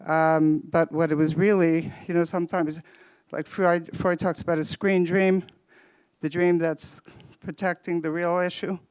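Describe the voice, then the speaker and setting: A man with a fairly high, smooth, clear voice speaks close and dry, slightly out of breath. He talks in a thoughtful, measured way on a therapy panel, at an even pitch. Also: dry recording, rough recording. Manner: thoughtful, measured, cites theory. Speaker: psychotherapist panelist. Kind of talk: panel discussion comment.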